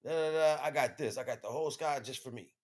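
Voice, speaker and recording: Talking fast in a mid-range voice, a male livestream host delivers a casual, rambling monologue full of slang. His storytelling is animated, and he frequently checks that listeners keep up.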